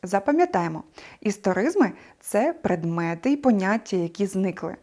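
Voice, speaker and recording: A woman teacher presents a scripted video lesson in a clear, mid-pitched voice. She explains expressively and keeps turning to the students with rhetorical questions. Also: lively intonation, moderate pace, warm tone.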